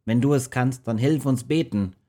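A man voicing a gruff ship's captain in a rhymed storybook reading, barking urgent orders. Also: medium pitch, moderate pace, mellow, voice pushed up, natural voice.

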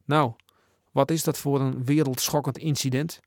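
A teasing, good-humoured father from a storybook, gently mocking and chuckling, as a male narrator puts him on. His voice has a gravelly edge and sits a little higher than the narration. The sound is close and dry. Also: steady tone, moderate pace, no echo, close to an everyday voice. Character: jovial teasing middle-aged father.

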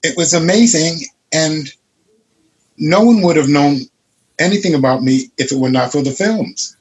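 Husky-voiced male panel guest, mid pitch, reflective storyteller. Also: moderate pace, low-quality recording. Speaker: martial arts master, panel guest. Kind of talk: panel discussion.

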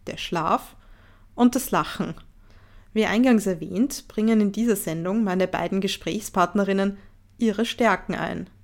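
Woman host reading her intro, calm and measured. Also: mid-range voice. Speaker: radio show host. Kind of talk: scripted radio introduction.

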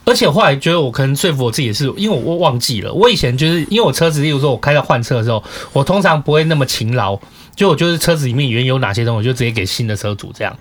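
A man's voice: mid-range voice, rapid-fire. A man hosting a podcast, chatting casually and acting out conversations as he tells a story. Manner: animated, quoting people in dialogue. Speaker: podcast host.

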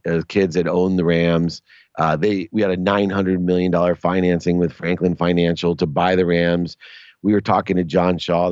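Middle-aged man, sports agent guest, casual animated storytelling, lowish voice, dry dull recording. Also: dry recording. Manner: animated, jumps to high pitch for quoted voices.

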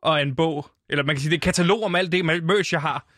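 A male radio host in comedic banter, spinning absurd ideas with a deadpan tone and sudden jumps in pitch when acting out lines. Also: no room sound, studio quality.

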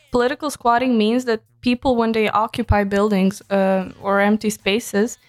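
A woman from Serbia co-hosting a podcast, explaining things in a casual way and laughing easily. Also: medium pitch. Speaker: podcast co-host.

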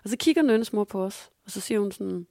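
Young woman podcast host, animated storyteller, dry close sound. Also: mid-range voice, creaky, no echo. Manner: animated storytelling, acts out quotes. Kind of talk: casual chat.

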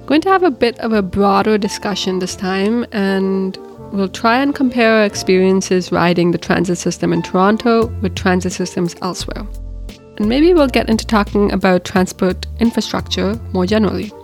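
A woman with a mid-range voice reads a scripted podcast introduction. She speaks clearly and at a measured pace, and faint instrumental music plays under her voice. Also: mid-range voice. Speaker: podcast host.

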